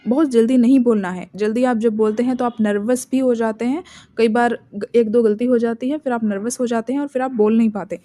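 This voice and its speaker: A woman with an Indian accent teaching spoken English in Hindi, reading English example sentences slowly and deliberately. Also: fairly high pitch, fairly even intonation, warm tone.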